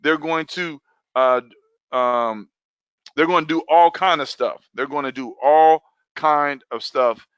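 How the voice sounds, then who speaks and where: A man leads a live online training on video content, with a bright, forceful voice that stays animated. He repeats his key points over and over, close to the mic in a dry room. The sound is a bit dull and lo-fi. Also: fairly high pitch, slow, smooth, dry recording. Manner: animated, repeats phrases for emphasis.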